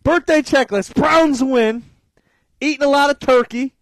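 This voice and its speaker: High-voiced excitable man. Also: unhurried, no room sound. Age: 30s. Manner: excitable, swearing, often shouting with excitement. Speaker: podcast co-host. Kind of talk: casual sports chat.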